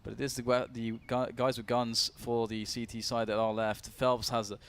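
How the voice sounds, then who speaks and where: A man doing play-by-play commentary on a live esports match, excitable and rambling. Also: mid-range voice, moderate pace, clean tone. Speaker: esports caster.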